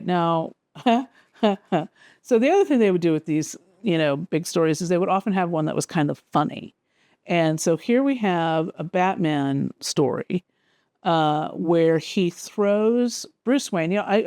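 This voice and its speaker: A woman's voice: low voice, warm tone, no room sound, studio quality. A woman hosting a casual, rambling chat as a comic book collector, flipping through old issues with an amused tone.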